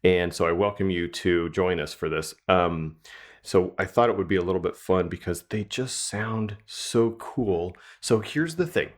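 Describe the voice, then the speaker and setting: A man's voice: low voice, unhurried. A man hosting a radio show, telling a family story in a casual, chatty way and acting out the quotes. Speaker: radio show host, estate planning lawyer.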